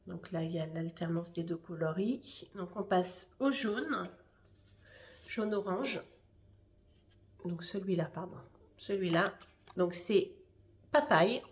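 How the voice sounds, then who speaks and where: A woman's voice: fairly low pitch, slow, long pauses. A woman hosting a knitting podcast, chatting casually and hesitantly with many fillers while showing her work. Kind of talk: casual show-and-tell chat.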